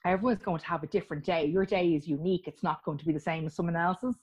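Her voice fairly low and a little mellow with a breathy edge, an Irish interview guest chats about her postponed wedding plans, laughing and restarting often. She talks fast with fairly even intonation, and the recording's highs are cut off.

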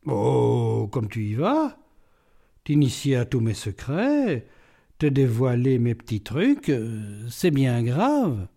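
A playful, ironic gentleman burglar, as a man reads him aloud for an audiobook, his mellow voice lilting up and down as he lingers over every jibe. His manner is self-assured and teasing. Faint music plays underneath. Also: mid-range voice, wildly swooping pitch, slow, creaky, voice pushed down, full character voice. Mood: mocking. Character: witty, mocking gentleman burglar, imprisoned man. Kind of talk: audiobook reading.

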